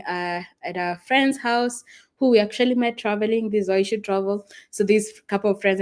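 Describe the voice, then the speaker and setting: A young Kenyan woman, a native Swahili speaker with a Kenyan accent, hosts a travel livestream from a friend's house. She chats casually and rambles with viewers, using fillers and soft laughs, in a medium-pitched voice.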